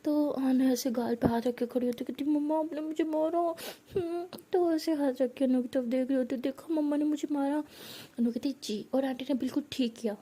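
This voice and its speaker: Soft-voiced woman telling a love story. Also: high-pitched, brisk. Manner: soft, partly whispered narration. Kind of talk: narrating a love story, voicing each character.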